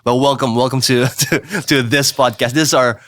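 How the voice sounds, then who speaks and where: A man's voice: medium pitch, level tone, normal speed, fairly bright tone, no room sound, clean studio sound. A man hosting a podcast, enthusiastic and affirming, asking questions with frequent hesitations. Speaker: podcast host. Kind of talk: podcast interview.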